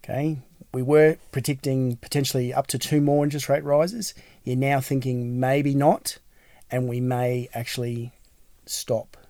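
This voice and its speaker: An Australian man hosts a casual podcast in a blokey, matey manner. His pitch is middling and his wording plain. The sound is dry, with very little room on it. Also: level tone, measured pace, mellow, no echo. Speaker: podcast host, real estate agency owner.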